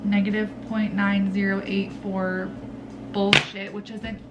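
A woman's voice: mid-range voice, measured pace, lo-fi sound. Young woman student vlogging at home, chatty and all over the place, noisy room sound behind her. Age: young adult. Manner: chatty, swings between stressed mumbling and excited exclaiming. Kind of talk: casual vlog talk.

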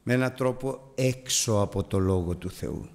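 A man preaching a sermon, swinging from loud high exclamations to hushed prayerful murmurs. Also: gravelly.

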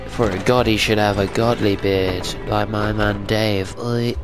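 Slow-talking, low-pitched male gamer. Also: fairly even intonation. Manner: slangy, short quips, echoes game dialogue. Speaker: gamer commentator. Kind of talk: casual jokey gameplay commentary. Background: video game music and dialogue.

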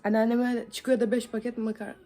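A woman's voice: fairly high pitch, flat delivery, fairly quick, dark tone, faint music behind. A young woman from Van chatting and joking with viewers while doing her makeup at home in a casual vlog. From Van, Turkey. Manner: chatty, joking, self-mocking. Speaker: beauty vlogger. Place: home, indoors.

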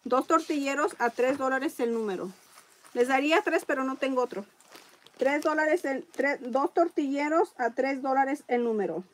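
A woman hosting a casual live-stream raffle, chatting along and reading viewer comments out loud. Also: high-pitched, moderate pace.

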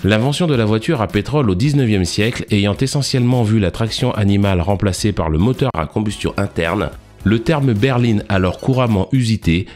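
A man giving formal, carefully scripted narration with literary phrasing, read at an even pace. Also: lowish voice. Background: faint background music.

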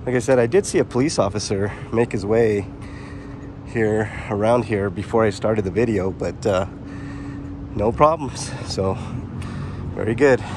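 A man's voice: on the low side, unhurried, long pauses. A man filming a casual walking vlog outdoors on a city sidewalk, rambling and chatting directly to his viewers on a handheld camera mic. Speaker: vlogger. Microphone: handheld camera mic while walking. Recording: street traffic noise behind. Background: traffic.

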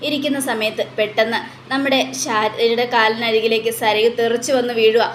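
High-voiced woman retelling a serial. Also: little pitch movement, a little fast, slight background noise. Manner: dramatic, emphatic storytelling. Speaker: narrator. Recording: echoey room.

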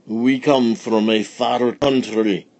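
A man's voice: medium pitch, steady tone, slow pace, a little mellow, muffled recording. A man voicing an old wise traveler in a storybook, stately and solemn.

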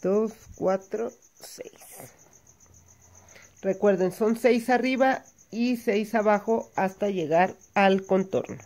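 A woman gives a calm, step-by-step hand embroidery lesson. She counts each stitch aloud and pauses to check that her listeners are following. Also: mid-range voice. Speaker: embroidery teacher. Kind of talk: step-by-step craft tutorial.

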